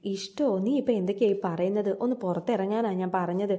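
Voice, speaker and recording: A cornered young woman, frightened yet insistent, as a woman storyteller reads her. Her lines sound soft and mellow, close to the storyteller's own plain voice. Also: mid-range voice, quick pace, natural voice. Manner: quoted in plain retelling voice.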